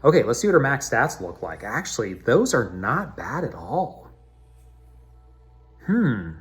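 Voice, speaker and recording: A man's voice: mid-range voice, sing-song, unhurried, soft background music. A man casually talking through a mobile game's menus, recorded in a cavernous room that makes his voice sound echoey. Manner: chatty, talks himself through menus. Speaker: mobile game video host. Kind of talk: casual gameplay commentary.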